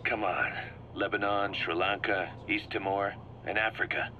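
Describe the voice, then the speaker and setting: A man with a lowish, steady, everyday-sounding voice at normal speed plays a driven, shrewd mercenary commander in scripted video game dialogue. He briefs his boss on plans in an emphatic, assured, persuasive manner, and the audio is muffled and cassette-like with a background hum.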